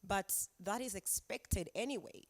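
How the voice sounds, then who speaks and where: A woman's voice: medium pitch, measured pace, no echo. A woman from Uganda, an anthropologist speaking as a guest on a webinar panel, explaining her points reflectively with examples over a video call. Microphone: video call mic.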